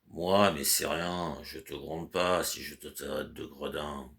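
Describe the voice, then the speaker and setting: A man's voice: very deep voice, fairly even intonation, slow, vocal fry, a bit bright, full character voice. A man voicing a frantic, fussy middle-aged clerk who scolds and then coaxes his servant. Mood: coaxing. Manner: agitated, scolding then coaxing.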